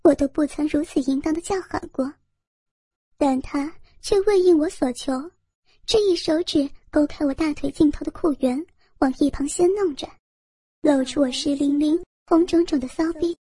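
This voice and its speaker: A woman narrating a first-person story in a steady, intimate reading voice. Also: high voice, normal speed, no echo.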